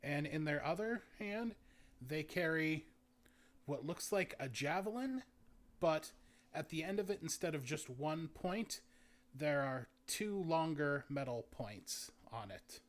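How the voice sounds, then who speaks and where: Slow, halting game master man. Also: fairly high pitch, expressive. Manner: halting, searching descriptions. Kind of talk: narrating a tabletop game.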